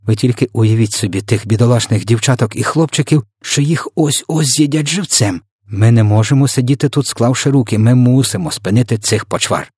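A man's voice: medium pitch, lively intonation, fast, hardly any pauses, a little mellow, breathy edge, no echo, studio quality, voice pushed up. A man voicing a bold, stubborn little orphan girl who argues eagerly and exclaims. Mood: pleading, insistent.

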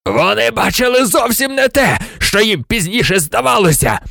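A man voicing a hoarse, vengeful middle-aged escaped prisoner in a low, menacing half-whisper. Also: animated, normal speed, a bit bright, no echo, clean studio sound. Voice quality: hoarse, rasping.

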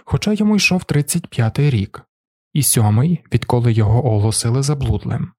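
Brief: male narrator, husky, steady, dry close mic, audiobook. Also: medium pitch, a little fast, dry recording. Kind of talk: scripted narration.

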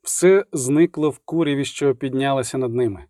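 A man reading an audiobook in steady, expressive scripted narration. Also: medium pitch, moderate pace, no room sound, studio quality.

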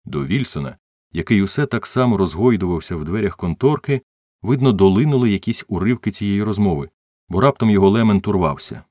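A man narrating a novel as an audiobook reader, in an expressive storytelling manner. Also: fairly low pitch, a little fast, no room sound, clean studio sound.

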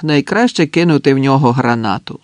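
A man's voice: mid-range voice, expressive, fairly quick, no room sound, studio quality, lightly acted. Give me a curt, suspicious soldier calling out from a trench, voiced by a male narrator.

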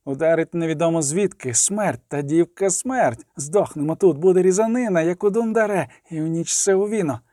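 A man's voice: on the high side, normal speed, hardly any pauses, dark tone, no echo, clean studio sound, lightly acted. A man reading the part of a frightened male mercenary who talks in grim, foreboding tones. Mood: fearful. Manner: fearful, foreboding. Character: frightened male mercenary, gloomy doom-sayer.

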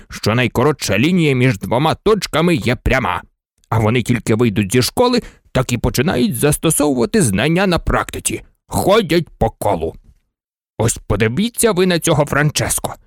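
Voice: medium pitch, dry recording. A grumpy station master complaining about children who can't walk straight, as the narrator reads him. The voice rises and falls a lot and sounds close and dry. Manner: grumbling, lecturing. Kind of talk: storybook reading.

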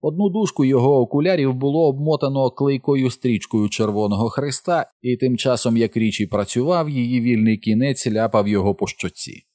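A man with a mid-pitched voice reads a novel aloud in steady audiobook narration. The sound is dry and close, with no room around it. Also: fairly quick, few pauses, dry recording.

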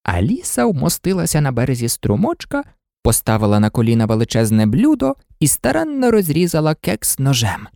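A man reading a storybook aloud with animated, swooping expression. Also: medium pitch, brisk, creaky, dry recording, studio quality. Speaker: storybook reader.

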